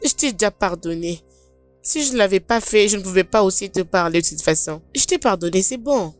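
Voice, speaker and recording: A woman's voice: mid-range voice, lively intonation, brisk, faint music behind, natural voice. A woman playing a kind young woman who soothes and comforts a crying friend, in a dubbed film drama. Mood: soothing. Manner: soothing, pleading softly.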